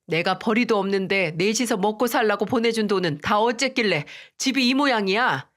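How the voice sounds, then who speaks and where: A woman's voice: medium pitch, expressive, a little fast, fairly bright tone, lightly acted. A woman voicing a stern older mother-in-law who firmly scolds her daughter-in-law in a read-aloud family drama story. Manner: scolding, firm.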